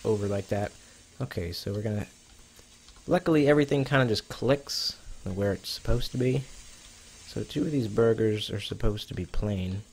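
A man's voice: lowish voice, gravelly, a little mellow, slight background noise, low-quality recording. A man giving casual, chatty commentary over a browser cooking game, talking to himself as he plays and swearing now and then, a little out of breath. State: slightly out of breath. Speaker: gaming YouTuber. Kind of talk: casual let's-play commentary.

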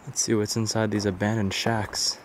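The noisy outdoor recording from a handheld camera catches a young adult man narrating his exploration of wooded roads and derelict buildings in casual vlog style. He speaks in a lowish voice with a flat delivery and moderate pace.

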